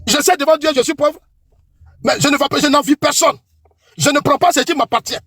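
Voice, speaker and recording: A man's voice: extremely high pitch, a little fast, bright, forceful tone, no room sound. A middle-aged man with an Ivorian French accent, delivering a combative, accusing political tirade that repeats lines for emphasis. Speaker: political commentator.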